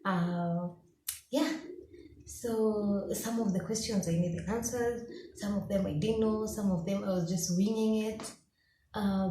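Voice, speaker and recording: Kenyan woman in a dark, mellow voice. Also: medium pitch, slight background noise. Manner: animated storytelling, acting out her own past thoughts. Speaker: law student vlogger. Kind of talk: candid personal vlog. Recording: echoey room.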